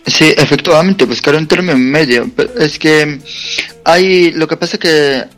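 A man's voice: a little high, a bit bright, faint music behind. Earnest man calling in by phone. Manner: earnest, halting, keeps asking rhetorical questions. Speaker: caller. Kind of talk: phoned-in radio talk. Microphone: phone call over a messaging app.

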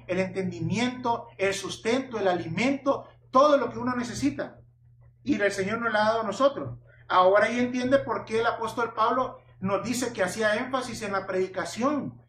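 A man's voice: high-pitched, a bit bright. A man preaching a Bible-teaching sermon, who keeps asking rhetorical questions, answers them himself, and addresses listeners as brother. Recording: echoey room, mic at a distance, faint hum.

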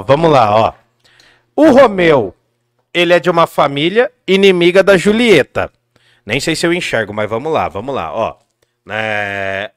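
A man's voice: on the high side, a bit bright. A man, chatting casually and joking at his own expense as a vlogger. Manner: joking, self-mocking. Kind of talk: casual chat.

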